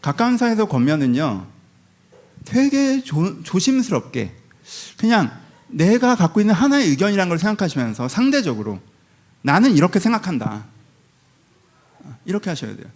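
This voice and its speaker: Lively-pitched conversational male pastor. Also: fairly quick. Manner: conversational, acts out quoted family talk. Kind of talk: sermon. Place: church sanctuary.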